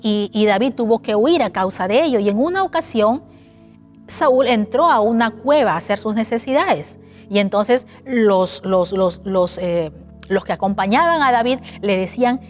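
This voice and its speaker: A woman preaching a sermon in an animated way, asking the listeners rhetorical questions. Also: a little high. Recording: faint music behind.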